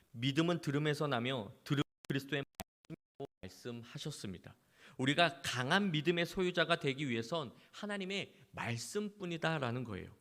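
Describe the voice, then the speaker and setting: A male pastor preaching with a lively, swinging delivery that climbs for emphasis and drops low at the ends of sentences. His voice sits a little high for a man. He keeps urging his listeners, hammering each point with earnest repetition. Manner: emphatic preaching, repeated exhortations. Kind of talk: sermon.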